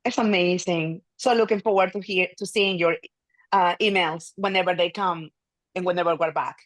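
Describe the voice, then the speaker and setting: A woman's voice: lowish voice, steady tone, moderate pace, no room sound, poor audio. A woman whose first language is Spanish, hosting an online meeting in a friendly, hesitant way with many restarts. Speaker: meeting host. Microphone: video call.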